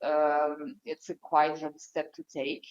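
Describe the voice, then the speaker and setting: A woman's voice: low voice, monotone, a little slow, darkish tone. A young woman from the Netherlands, a podcast guest, telling her own story openly with a lot of hesitation and fillers. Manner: open, hesitant, many fillers. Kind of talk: candid personal conversation. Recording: dull lo-fi audio.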